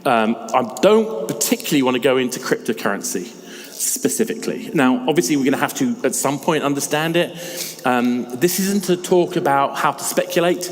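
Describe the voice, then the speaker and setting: A man with a slightly raspy voice, giving a conversational, emphatic conference talk. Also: medium pitch, moderate pace. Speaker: conference speaker. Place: large conference hall. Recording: reverberant hall with faint ambience.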